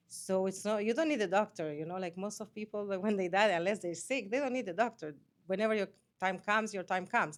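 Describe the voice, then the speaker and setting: A woman working as a doula, speaking earnestly. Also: medium pitch. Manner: earnest, repeats and restarts phrases. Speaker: doula, interview guest. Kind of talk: conversational interview.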